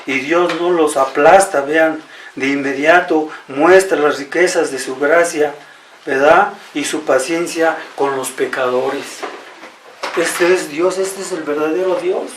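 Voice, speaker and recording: A Mexican preacher delivers an earnest sermon, repeating his points and calling on his listeners again and again. His voice sits a little high. It comes from far off in an echoey hall with faint ambience behind it. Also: takes it slowly, slight background noise. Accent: Mexican Spanish. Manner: earnest, repetitive, often addresses the congregation directly. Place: church hall.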